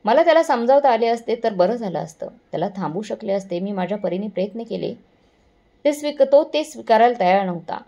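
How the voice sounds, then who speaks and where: A woman's voice: on the high side, lively intonation, fairly quick, mellow, highs cut off. A woman narrating a first-person moral story in an earnest, somber way, sometimes correcting herself.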